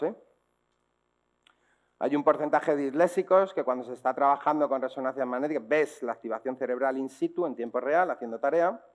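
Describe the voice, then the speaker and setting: Spanish man lecturing teachers and parents, didactic, mid-pitched, keeps checking in with the audience. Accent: Spanish from Spain. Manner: didactic, checks in with rhetorical questions. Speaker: speaker on dyslexia. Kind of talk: public talk to teachers and parents.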